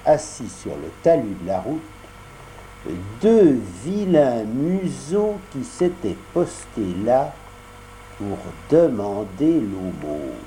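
A man narrating a children's storybook in an expressive storytelling manner. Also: medium pitch, slight background noise, rough recording. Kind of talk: audiobook narration.

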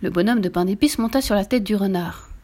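A woman telling a children's fairy tale aloud, lively and voicing each character herself. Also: mid-range voice, fairly quick. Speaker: storyteller.

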